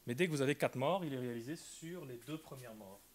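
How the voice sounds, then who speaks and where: A man's voice: medium pitch, fast talker. A man giving an academic linguistics talk, explaining carefully with frequent hesitations and restarts. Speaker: linguistics lecturer.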